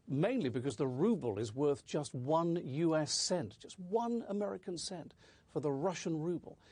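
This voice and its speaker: A man's voice: medium pitch, darkish tone, no room sound. A man reporting live as a news correspondent, explaining in a conversational way.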